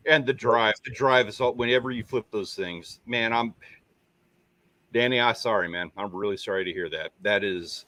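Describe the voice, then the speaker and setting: Speaking from home on Padre Island, this livestream co-host has a lowish voice with a sharp edge, talking at a normal pace in a dry recording. He's helping run a casual fishing stream, wandering off-topic, making fun of himself, and calling out viewers by name.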